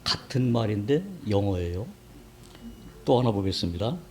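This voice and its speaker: A man's voice: lowish voice, lively intonation, moderate pace. A man preaching in a conversational way. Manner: conversational, quizzes the congregation. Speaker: church elder preaching. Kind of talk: sermon. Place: church sanctuary.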